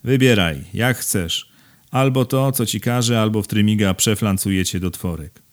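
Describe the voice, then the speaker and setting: A man's voice: fairly low pitch, moderate pace, close to an everyday voice. A man voicing a coarse, domineering upstart who talks bluntly and threatens in an audiobook. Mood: furious. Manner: gruff, bullying, loud.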